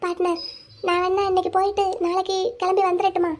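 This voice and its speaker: Young wife in a cartoon story, gentle, coaxing, rapid delivery; a woman voices her. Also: very high-pitched, completely flat delivery. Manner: coaxing, questioning.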